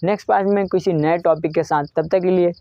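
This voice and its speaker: A woman's voice: on the low side, fairly even intonation, fast talker, dry recording. A woman teaching a grammar lesson, asking a question and answering it herself over and over. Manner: drilling students with repeated questions and answers. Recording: dull dry lo-fi recording.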